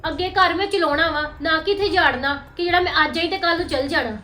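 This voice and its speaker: A woman's voice: extremely high pitch, fast, pushed and bright. An actress playing a young wife upset with her drinking husband, speaking in an indignant, pleading way. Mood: aggrieved. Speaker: actor. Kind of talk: family drama acting. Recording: echoey room with music underneath.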